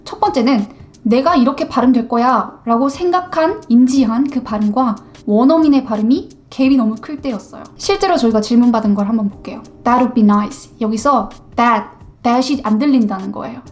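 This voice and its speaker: A woman's voice: fairly high pitch, a little fast. A woman YouTuber giving a casual lesson on English listening, speaking straight to her viewers and mimicking English pronunciations to compare them.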